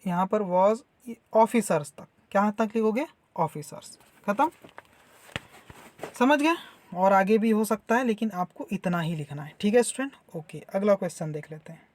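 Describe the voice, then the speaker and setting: A man teaching a school lesson, reading English lines slowly and then explaining them patiently in Hindi. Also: high-pitched, lively intonation, a little mellow, slight background noise. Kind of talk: explaining a textbook lesson to students.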